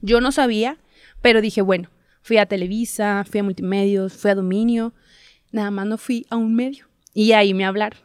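A young woman, telling her story as a guest in a casual interview, chatty and quick to laugh. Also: mid-range voice, steady tone, a little mellow, clean tone, dry recording, clean studio sound. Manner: chatty storyteller, laughs often, acts out quotes. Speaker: guest, TV reporter.

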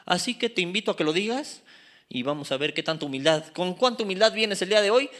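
A male preacher, teaching scripture in an animated, joking way. His voice sits high and swoops widely through each phrase. The tone is bright and forceful. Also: quick pace. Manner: animated, joking, asks the crowd to repeat. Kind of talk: lively preaching to a youth congregation.

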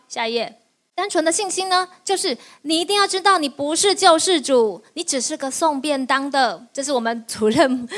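A woman pastor preaching in a high, bright-sounding voice. She keeps the sermon lively, laughing often as she teaches. She tosses quick questions to her listeners and answers them herself.

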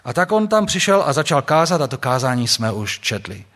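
A man's voice: medium pitch, very animated, a bit bright. A man giving a sermon to young people at a camp, speaking conversationally and putting questions to his listeners. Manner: conversational, asks the audience questions. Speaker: preacher. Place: camp talk before an audience.

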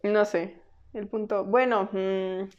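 A woman's voice: medium pitch, steady tone, slow pace, a little mellow, lo-fi sound. Young Mexican woman in casual podcast chat. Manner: slangy, informal. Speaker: podcast co-host.

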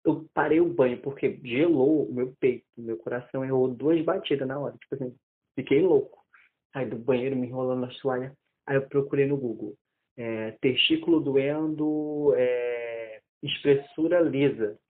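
A man in his twenties telling a personal story in casual conversation, animated and often restarting his sentences. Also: mid-range voice, normal speed. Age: 20s. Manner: animated, acts out quoted dialogue, many restarts. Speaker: interviewee. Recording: tinny phone-like audio.

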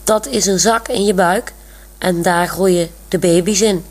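A woman's voice: fairly low pitch, unhurried, darkish tone. A woman reading a proud, chatty young woman. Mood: matter-of-fact.

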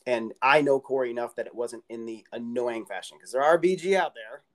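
A man's voice: medium pitch, brisk, a crowd in the background. A man hosting a podcast, talking with enthusiasm and rambling through his points. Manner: enthusiastic, rambling, restarts words. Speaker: podcast host. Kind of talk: casual interview talk.

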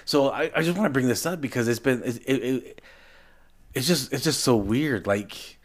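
A man's voice: mid-range voice, moderate pace. A man co-hosting a podcast in casual chat, talking animatedly and often repeating words as he restarts. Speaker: podcast co-host.

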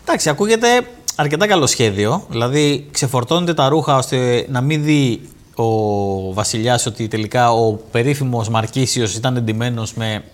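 A man co-hosting a comic podcast, reading a fairy tale and making dry jokes about it. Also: mid-range voice. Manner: dry joking commentary, animated. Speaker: co-host and reader.

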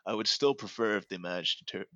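A man's voice: on the low side, brisk, pushed and bright, no echo, muffled recording. A man co-hosting a casual sports podcast, talking in a rambling way with lots of fillers and restarts. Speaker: podcast co-host. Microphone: home podcast microphone.

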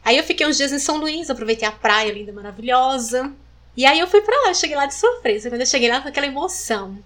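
A woman from Maranhão, Brazil, telling a personal story as an interview guest, animated and acting out the voices of others. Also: high-pitched, fast.

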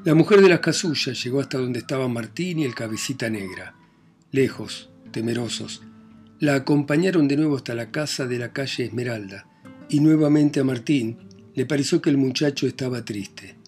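Man, audiobook narrator, plain measured reading, middle pitch, faint background music. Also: a little mellow. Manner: reads plainly, voicing characters with raised pitch and volume. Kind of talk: scripted narration of a novel.

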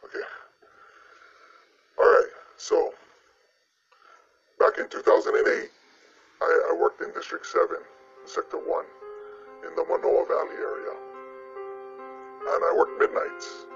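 A man's voice: on the high side, monotone, measured pace, vocal fry, pauses often. Man with an electronically disguised voice. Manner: plain, matter-of-fact storytelling. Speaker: police officer. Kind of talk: recounting a personal ghost story in an interview. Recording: muffled lo-fi audio, distant mic, loud music bed.

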